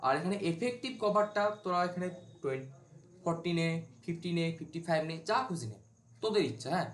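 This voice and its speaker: A man's voice: high voice, lively intonation, fast, a bit bright. Man lecturing in an echoey room. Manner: informal, asks and answers his own questions. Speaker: civil engineering teacher. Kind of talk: whiteboard lecture.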